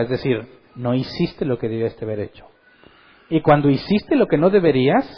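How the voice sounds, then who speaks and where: This man speaks in a fairly high, slightly breathy voice, and the audio has its high frequencies cut off. As a pastor teaching Bible study in a sermon style, he is animated, poses questions to the audience, and performs quotations.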